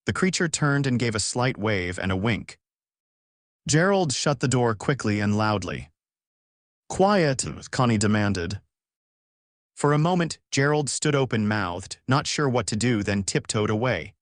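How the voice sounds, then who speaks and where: A man, the author, reading his short story aloud in a measured, expressive way. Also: mid-range voice, dry recording, clean studio sound. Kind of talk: storybook narration.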